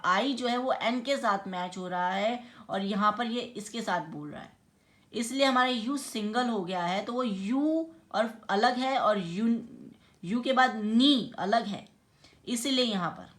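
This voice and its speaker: A woman teaching a grammar lesson, explaining step by step and spelling words out letter by letter. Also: mid-range voice. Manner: explains slowly, spells words out letter by letter, often checks with "theek hai". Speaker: English teacher.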